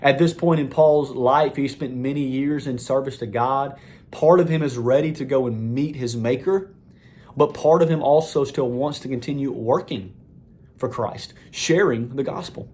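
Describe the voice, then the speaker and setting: A man preaching a sermon in an earnest, exhorting manner, repeating phrases and pushing higher and louder to drive points home. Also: moderate pace.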